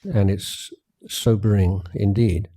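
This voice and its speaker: A male Buddhist meditation teacher gives a gentle retreat talk in a low, even pitch. His phrases are measured and unhurried, separated by long pauses.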